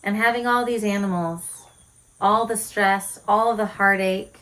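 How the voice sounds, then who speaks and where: A woman's voice: medium pitch, steady tone, a little slow, pushed and bright, slight background noise, low-quality recording. A woman of about forty, a homesteading vlogger, talking earnestly to camera and posing rhetorical questions about her lifestyle. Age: 40s. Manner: earnest, candid, asks many rhetorical questions. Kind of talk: reflective direct-to-camera talk.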